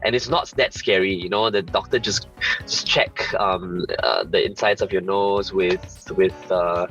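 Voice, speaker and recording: A man's voice: low voice, steady tone, unhurried, a bit bright, soft background music. A man speaking as a podcast guest, giving casual advice from experience in a hesitant way, often rephrasing. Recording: slightly dull lo-fi audio.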